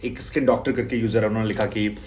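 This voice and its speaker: A man's voice: fairly low pitch, steady tone, fast, a little mellow. A man hosting a cricket channel who talks straight to his viewers in a conversational news-commentary style, reading out and summing up posts.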